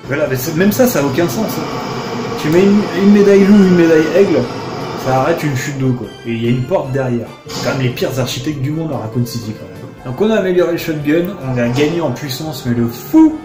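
A man jokes his way through a let's play, sarcastic and prone to sudden excited outbursts. His voice sits a bit high and sounds roomy, with game music running underneath. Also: a little fast. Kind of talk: casual gameplay commentary.

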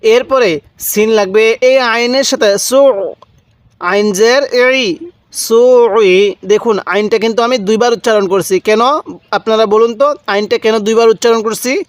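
A man's voice: high-pitched, fairly even intonation, a little fast, no echo. A man teaching Quran reading, patiently spelling out each syllable, repeating it and asking his learners questions.

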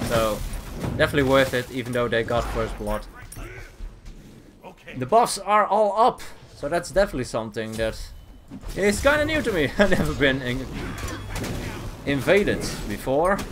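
A man hosting his gaming channel, giving casual play-by-play commentary with frequent chuckles and quick self-corrections. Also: medium pitch, sing-song, background noise. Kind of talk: live gameplay commentary. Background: game music.

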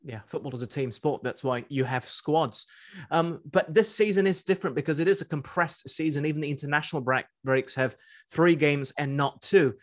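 A man in his thirties hosting an interview, putting measured, formal questions over a webcam video call. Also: on the high side. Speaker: interview host.

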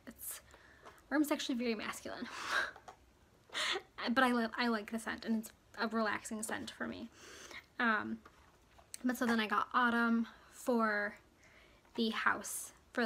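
A woman's voice: on the high side, vocal fry, a bit bright, slight background noise. A young woman chatting through a casual haul vlog, rambling with fillers and sounding slightly out of breath. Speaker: mom vlogger.

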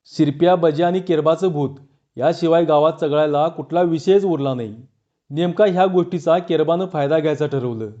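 Mellow-voiced man telling a village tale. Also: on the high side, moderate pace, muffled recording. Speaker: storyteller. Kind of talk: reading a rural folk tale.

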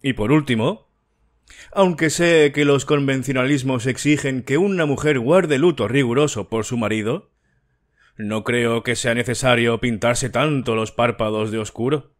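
A male narrator giving voice to a fussy older detective who explains his case in a dry, precise way. He speaks slowly and deliberately, in a mid-pitched voice, for a storybook reading. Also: close to an everyday voice. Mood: explaining. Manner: dry, precise, lightly lecturing.

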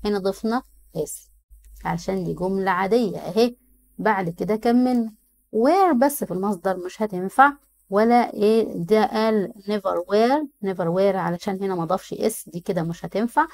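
A woman with an Egyptian Arabic accent, an English teacher going through exam answers. She reads the English options out slowly, then explains them in Arabic. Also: mid-range voice, a little mellow.

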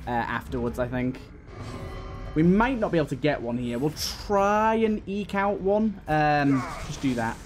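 A man with a slightly high voice and lively intonation talks a little slowly as he hosts gameplay for his channel. He muses aloud about his tactics in a casual way while game music plays.

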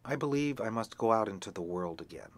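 A man's voice: lowish voice, lively intonation, a little fast, voice pushed down. A man voicing a meek, timid duckling. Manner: soft and meek. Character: timid, downcast young duckling.

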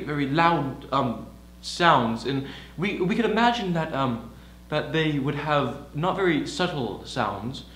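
A man's voice: a little high, a bit bright, roomy sound, a little hiss or hum, low-quality recording. A man playing a voice coach in a mock documentary, explaining earnestly and giving instructions.

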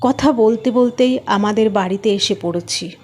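A woman's voice: a little high, moderate pace. Woman reading a story aloud. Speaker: story narrator. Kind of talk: scripted first-person story narration.

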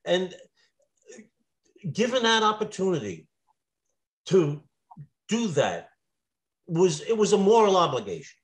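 A middle-aged man speaks as a podcast guest, looking back on his years as a police officer. His voice sits a little high, and he talks earnestly, often restarting or repeating words mid-sentence. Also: sing-song, slow pace, long pauses, poor audio. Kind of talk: conversational storytelling.

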